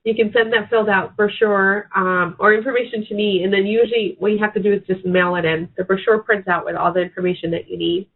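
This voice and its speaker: A sick woman veterinary researcher with a raspy voice, presenting a webinar with hesitant ums and restarts. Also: mid-range voice, steady tone, quick pace, hardly any pauses. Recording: tinny phone-like webinar audio.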